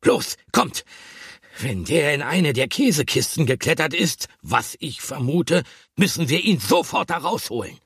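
A man voicing a brisk, take-charge male hamster who speaks urgently. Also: mid-range voice, sing-song, pushed and bright, slightly rough, no echo, studio quality, voice pushed up, heavily acted.

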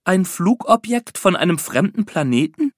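Man voicing a nervous storybook mum, soft and breathy, slightly higher. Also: sing-song, moderate pace, dry recording, studio quality. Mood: stunned. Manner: anxious, breathy. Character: worried mother, flustered but kind.

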